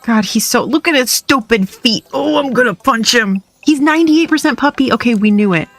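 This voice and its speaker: A woman with an expressive, highish voice speaks at normal speed, chatting playfully and casually to her viewers in a gaming live stream and often laughing. Audio comes from a dry close mic, with faint music.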